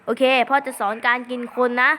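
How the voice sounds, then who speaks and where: A woman's voice: brisk, bright, forceful tone, lightly acted. A woman doing a scheming impostor dad. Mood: proud. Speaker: voice actor. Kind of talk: comic cartoon dubbing.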